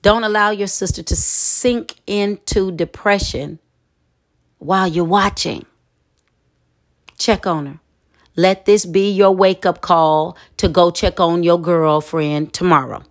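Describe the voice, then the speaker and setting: A woman preaching a sermon in an expressive, conversational way, with dramatic asides. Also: on the low side, slow pace.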